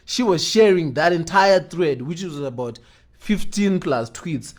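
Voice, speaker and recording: A man's voice: fairly high pitch, measured pace. A young Zimbabwean man co-hosting a podcast, chatting casually and animatedly, switching between languages. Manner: animated, code-switching banter. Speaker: podcast co-host. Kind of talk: casual chat.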